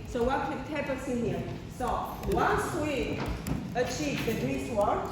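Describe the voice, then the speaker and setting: A woman with a voice on the high side teaches a class, explaining things step by step with fillers, restarts and frequent "okay?" checks, and putting questions to students. A distant room microphone captures her in a large, echoey hall, and the recording is noisy.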